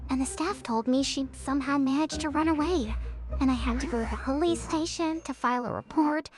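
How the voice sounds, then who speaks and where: A young woman narrating an animated story in a sarcastic, chatty first-person voice. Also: high voice, fairly quick. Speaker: narrator and lead character. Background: music.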